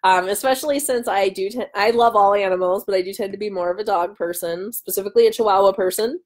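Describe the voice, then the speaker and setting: A fast-talking woman in her thirties with a mid-range voice hosts a live chat as an author, fielding viewer questions. She's chatty and keeps cutting herself off for tangents, recorded at home in the dining room on an arm's-length webcam.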